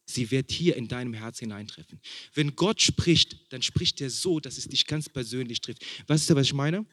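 A man preaching a sermon in German, a father, who builds emphasis with repeated phrases and questions to the congregation and drops to a hushed tone for intimate points. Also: mid-range voice, normal speed, dry recording, clean studio sound. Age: young adult or middle-aged, father of a small son. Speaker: pastor.

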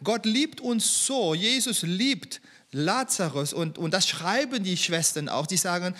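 A man preaching a sermon, with rhetorical questions and emphatic pauses, recorded in a church hall. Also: sits high, lively intonation, sharp tone. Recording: long reverb of a hall.

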